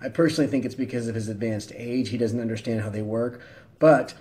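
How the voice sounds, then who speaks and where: A man in his forties vlogging in a deadpan, mock-earnest satirical style. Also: medium pitch, quick pace, husky, low-quality recording. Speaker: vlogger pilot. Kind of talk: satirical vlog. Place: home room, then small plane cockpit, then outdoors.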